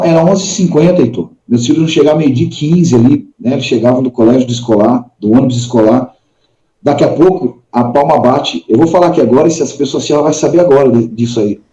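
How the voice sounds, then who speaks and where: A man's voice: mid-range voice, mellow, reverberant. A man with a Brazilian accent, a podcast guest telling his personal faith testimony and acting out the dialogue in it. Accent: Brazilian Portuguese. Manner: earnest, acts out dialogue in the story. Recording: dull lo-fi sound.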